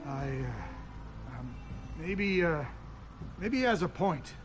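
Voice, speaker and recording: Uneasy, higher-voiced young-sounding cop. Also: male voice, big pitch swings, takes it slowly, over music. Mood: wavering. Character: earnest, uneasy follower police officer, easily swayed. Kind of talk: video game dramatic acting.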